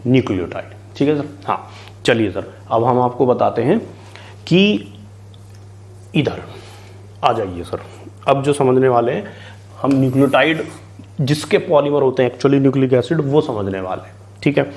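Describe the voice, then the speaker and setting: Male biology tutor from India, mid-pitched, conversational question-and-answer lecture style. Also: expressive, normal speed, pauses often, darkish tone. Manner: chatty, keeps asking and answering his own questions, mixes in English terms. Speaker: biology teacher. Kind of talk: online exam-prep lecture.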